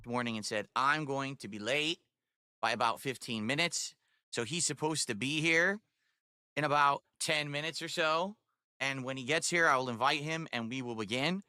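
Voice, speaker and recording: A man hosting a livestreamed podcast, explaining things to viewers in a deliberate, emphatic way. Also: mid-range voice, pushed and bright, clean tone, dry recording, clean studio sound. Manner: deliberate, emphatic, checking in with "all right". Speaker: podcast host and streamer.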